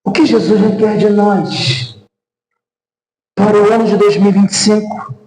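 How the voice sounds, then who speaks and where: A man's voice: high voice, steady tone, measured pace, a little mellow. A man with a Brazilian Portuguese accent preaching a sermon as pastor, emphatic and repeating refrains. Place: church sanctuary. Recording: echoey church sanctuary.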